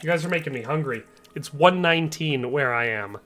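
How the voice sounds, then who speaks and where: A young man from the Upper Midwest chats casually on a game livestream and reads viewer messages aloud. He laughs easily as he goes. His voice sits a bit high and rings bright. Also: a little fast, a little hiss or hum. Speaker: game streamer.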